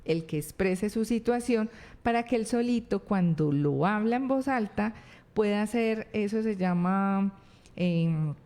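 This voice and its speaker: Mellow-voiced Colombian woman explaining calmly. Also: medium pitch, a little slow. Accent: Colombian Spanish. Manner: explanatory, acts out child and parent voices, frequent tag questions. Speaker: psychologist guest. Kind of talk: explaining parenting advice on a talk show.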